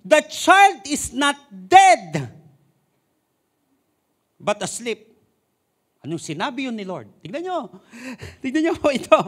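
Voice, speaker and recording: A man with a Filipino accent preaching a sermon, mixing Tagalog and English and slowing down to read scripture verses. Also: high-pitched. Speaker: pastor.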